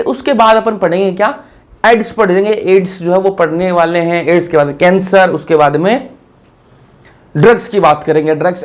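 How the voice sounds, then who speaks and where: A man's voice: on the high side, darkish tone. A young man giving a casual lecture, chatty, asking his students questions and answering them himself. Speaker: teacher.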